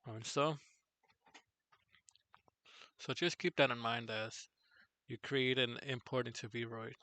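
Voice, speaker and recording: A tired man teaching on a live tutorial stream, halting and correcting himself as he goes. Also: steady tone, sharp tone, dry recording. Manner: halting, self-correcting, low-energy. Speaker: streamer teaching 3D character software.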